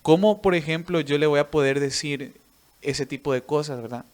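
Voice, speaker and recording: A man whose voice runs on the high side recounts his journey of faith at a normal speed during an interview. He is a missionary preacher and musician who narrates earnestly, tacking a quizzical "right?" onto his sentences.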